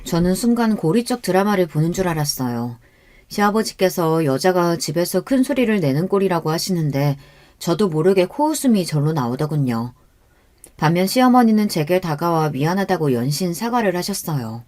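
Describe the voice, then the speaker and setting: A woman narrating a first-person story in a steady, scripted storytelling voice. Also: fairly low pitch, moderate pace.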